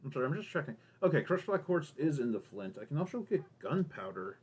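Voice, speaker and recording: A man's voice: fairly high pitch, very animated, fast talker, slightly rough. A man giving casual, rambling gameplay commentary, thinking aloud, with a minor lisp that makes his S sounds whistle and hiss. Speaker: gamer recording a let's play.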